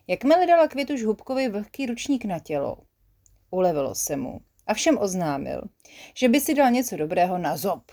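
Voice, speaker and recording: A woman narrating a children's story in a lively, expressive way. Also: medium pitch.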